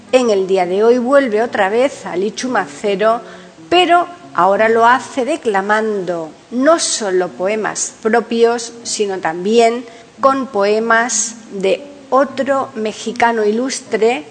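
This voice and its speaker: A woman hosting a podcast, reading a scripted introduction and biographical narration in a measured, announcer-like way. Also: fairly high pitch. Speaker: podcast host. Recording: long reverb, guitar music underneath. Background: guitar music.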